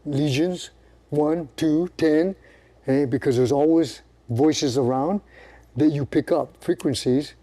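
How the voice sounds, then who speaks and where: Older man teaching martial arts, mellow voice. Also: fairly high pitch, unhurried. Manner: demonstrates moves while talking, acts out quoted people. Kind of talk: casual teaching chat.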